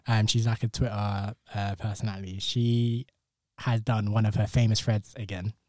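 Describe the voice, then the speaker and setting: A man's voice: on the low side, flat delivery, moderate pace, warm tone, no echo, clean studio sound. A man with a London accent and urban roadman slang, hosting a casual podcast chat. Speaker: podcast host.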